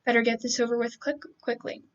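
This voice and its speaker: A woman's voice: on the high side, quick pace, distant mic, highs cut off, close to an everyday voice. Curt scornful boy, read by a woman. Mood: cold, scornful. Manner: curt, insulting, flat delivery. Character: sharp-tongued teenage boy, cold and dismissive.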